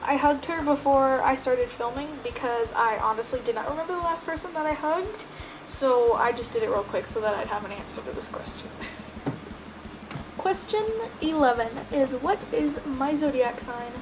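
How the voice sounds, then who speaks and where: A young woman from Texas with a light, mildly Texan American accent rambles casually to the camera at home in a get-to-know-me vlog, laughing often. Her voice is high and expressive, her pace moderate, and there is noise in the background.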